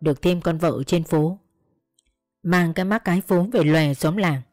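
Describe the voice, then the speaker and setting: A woman storyteller narrating a first-person tale in a steady, measured, earnest way. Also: on the low side, no echo, studio quality, faint music behind.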